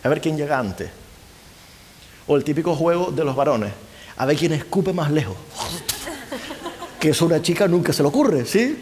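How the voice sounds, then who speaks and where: Lively lecturer in a reverberant hall. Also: male voice, fairly high pitch, normal speed, pauses often, slight background noise. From Spain. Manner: lively, keeps asking the audience rhetorical questions. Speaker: university lecturer. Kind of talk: conference lecture to a live audience.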